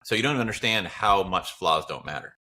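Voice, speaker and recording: A man with a low, expressive voice talks a little fast, his delivery pushed and bright. He's a podcast guest who creates audio dramas, chatting casually in a reflective, encouraging, informal way.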